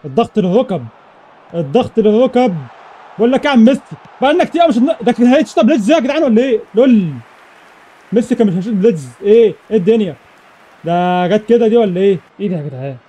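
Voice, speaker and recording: Young Egyptian gaming YouTuber, male, high and very fast, excitable running commentary with repeated shouts. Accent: Egyptian Arabic. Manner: excitable, repeats exclamations rapidly. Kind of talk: live gameplay commentary.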